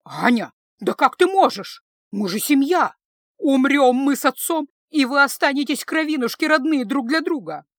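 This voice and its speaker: A woman reading the part of a domineering middle-aged mother who scolds her daughter loudly and reproachfully. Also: mid-range voice, expressive, normal speed, no echo, clean studio sound. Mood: indignant. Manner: loud, lecturing, reproachful.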